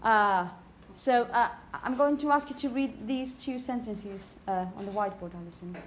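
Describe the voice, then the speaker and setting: A woman's voice: on the high side, moderate pace, slight background noise. A woman teaching a classroom pronunciation lesson, patiently correcting students and often checking "okay?".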